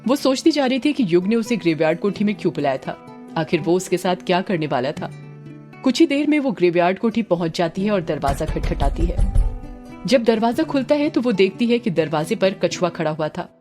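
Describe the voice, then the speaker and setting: A woman's voice: on the low side, brisk, soft background music. Woman narrating a horror story. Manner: steady storytelling.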